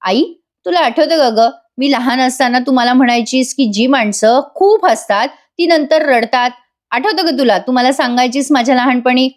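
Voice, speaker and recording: A woman voicing a scheming young daughter from a TV serial, calm and knowing. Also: sits high, moderate pace, close to an everyday voice.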